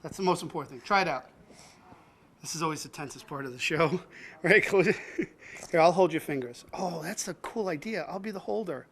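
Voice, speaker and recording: A slightly high, slightly quick male voice with a fairly bright tone. He's a cooking-show host teaching a kid to cook, full of jokes and frequent laughter, and he keeps calling the child "buddy" as they banter.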